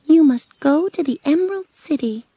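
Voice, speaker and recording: A woman's voice: high voice, expressive, moderate pace, warm tone, dry recording, voice pushed up. A woman voicing a kindly, cheerful little old witch in a storybook, gracious and reassuring in manner. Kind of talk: storybook character voice.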